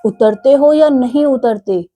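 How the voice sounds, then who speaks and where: A woman voicing a naughty, hot-tempered little male rat in a storybook tale, bossy and boastful, with slow sing-song threats. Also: high voice, mellow. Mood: cheeky, bossy.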